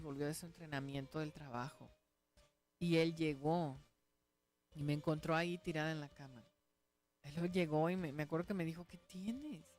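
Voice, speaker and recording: A woman pastor, giving a conversational radio sermon and testimony, earnest, often checking in with her listeners. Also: low voice.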